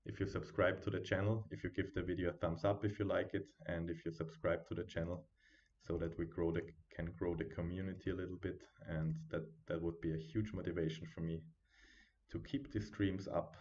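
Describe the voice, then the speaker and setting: Deep-voiced and flat in delivery, a man at home talks through live trades at normal speed, musing over the charts and answering his viewers. The audio is dull, captured on a quiet built-in computer mic.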